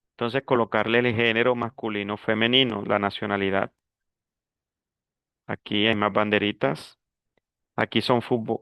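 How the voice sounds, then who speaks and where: A man teaching a beginner French class in Spanish, explaining slowly and mixing in French words. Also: mid-range voice, fairly bright tone, smooth, no echo. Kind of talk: online language class.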